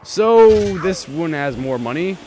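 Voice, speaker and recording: Hoarse, sick young man rambling over a game. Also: a little high, expressive, takes it slowly, dark tone. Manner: rambling, joking. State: hoarse, voice cracking from illness. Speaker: Let's Play host. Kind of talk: video game commentary.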